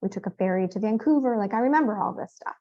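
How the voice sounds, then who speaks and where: A woman in her fifties from California talks through her family history as an interview guest, wandering from one memory to the next with fillers and restarts. Her voice sits at an ordinary middle pitch. The audio is a little dull and lo-fi. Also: lively intonation, fast talker. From San Francisco Bay Area, California. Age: 50s. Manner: rambling, storytelling with many fillers and restarts. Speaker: author guest. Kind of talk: conversational interview.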